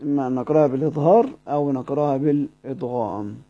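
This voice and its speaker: A man with an Egyptian Arabic accent teaching Quran recitation, explaining a poem line by line, asking the class questions and slowly repeating words. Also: mid-range voice, lo-fi sound.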